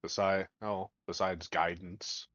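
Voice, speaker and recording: A man playing a tabletop game over a call, quiet and low-key. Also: little pitch movement, slow pace, no room sound, lo-fi sound. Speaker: player. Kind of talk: casual tabletop play.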